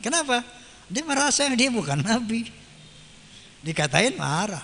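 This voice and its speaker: A man preaches in a relaxed, colloquial manner and keeps turning to his listeners with questions. His voice sits high. A long reverb trails his words, as in a large hall. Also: measured pace. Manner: asks the audience rhetorical questions; casual, colloquial delivery. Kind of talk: sermon.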